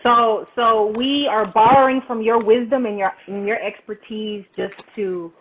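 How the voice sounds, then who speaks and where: A woman's voice: a little high, steady tone, unhurried, husky, poor audio. A woman hosting a casual interview chat, upbeat and affirming, with slangy turns of phrase. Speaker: host.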